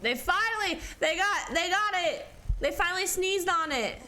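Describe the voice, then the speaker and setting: A woman casts an esports match live, calling the play-by-play in a very high voice at normal speed. She sounds stuffy from allergies and gets excited whenever the fights are close.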